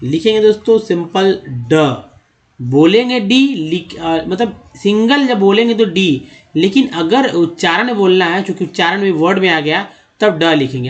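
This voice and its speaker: A man with a fairly high voice teaching how to read English words. He goes step by step, repeating each word and asking questions before answering them. His tone is that of a patient spoken lesson.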